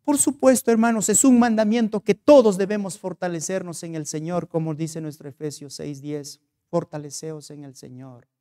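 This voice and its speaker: A man's voice: high voice, fairly even intonation, moderate pace, hardly any pauses, mellow. A man with a Peruvian Spanish accent, preaching a sermon as pastor. He asks earnest rhetorical questions and tells stories.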